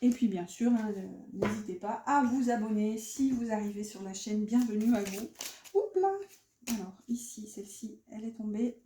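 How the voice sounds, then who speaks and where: A woman's voice: mid-range voice, steady tone, moderate pace, mellow, reverberant, slight background noise. A woman giving a casual tarot reading, chatty and full of fillers and restarts. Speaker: tarot card reader.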